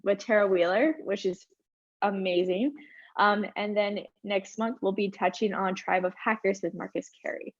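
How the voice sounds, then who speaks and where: Her medium-pitched voice, a bit strained from allergies, carries a cheerful, chatty webinar presentation peppered with asides. She's a conference speaker, and the lo-fi recording sounds dry.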